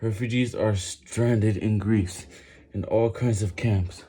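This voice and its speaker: A man reading a book aloud while doing push-ups, halting and stumbling over words with some physical strain. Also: lowish voice, steady tone, mellow, husky. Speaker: reader making a daily reading-while-exercising video.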